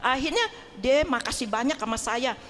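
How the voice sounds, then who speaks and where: A woman's voice: on the high side, moderate pace, big-room sound, slight background noise. A middle-aged woman telling a personal testimony in a casual, chatty way, acting out the voices in her story. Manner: chatty, animated, acts out quoted voices, laughs often. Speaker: parish group member sharing testimony. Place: church hall.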